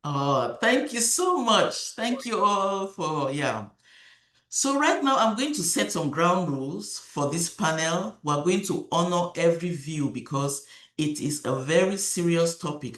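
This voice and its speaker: A man moderating an online panel, upbeat and quick to give thanks over a video call. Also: fairly high pitch. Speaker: webinar moderator. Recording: roomy echoey sound.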